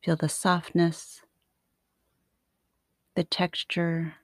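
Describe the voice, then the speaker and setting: A woman guiding a sleep meditation like a sleep story narrator, soothing and unhurried, with long pauses between short phrases. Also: fairly low pitch, level tone, no room sound, studio quality. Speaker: yoga nidra meditation teacher.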